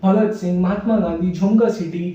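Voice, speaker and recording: A male teacher walks through grammar examples, asking questions and answering them himself. His voice sits high with a mellow, dark tone. The sound is dull and distant, with heavy echo from the room. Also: steady tone, normal speed. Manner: repetitive question-and-answer explaining. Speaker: English teacher. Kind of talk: classroom grammar lesson.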